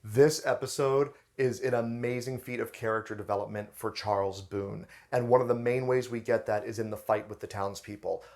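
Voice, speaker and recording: Gravelly-voiced man, chatty review host. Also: fairly low pitch, steady tone, moderate pace, few pauses, a little mellow. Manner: chatty and enthusiastic, with fillers and restarts. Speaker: host of a book and film review channel. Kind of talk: casual review commentary.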